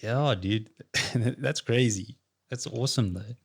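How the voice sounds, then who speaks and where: A man's voice: mid-range voice, slow pace, vocal fry, husky. A man hosting a casual chat, easygoing and friendly, calling his guest dude. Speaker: podcast host.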